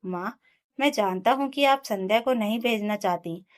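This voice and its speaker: A woman's voice: medium pitch, normal speed, close to an everyday voice. Woman reading young husband, firm and serious, standing his ground. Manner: firm, earnest.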